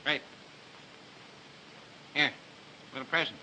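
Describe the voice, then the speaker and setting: An actor playing an irritable, insulting crime-story writer in an early 1930s film. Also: male voice, medium pitch, slow, sharp tone, a little hiss or hum, low-quality recording. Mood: grumpy. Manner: barking, insulting, impatient.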